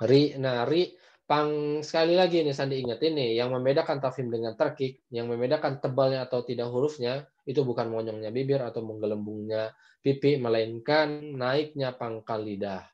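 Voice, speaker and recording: Over a video call, a man with an Indonesian accent runs an online Quran recitation class, patiently explaining and slowly demonstrating letter sounds. His voice is mid-range with a darkish tone, and the recording is muffled.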